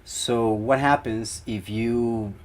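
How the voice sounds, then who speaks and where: A man's voice: mid-range voice, steady tone, slow. A young man from Ecuador, a band guitarist, answering interview questions in a rambling way with many fillers.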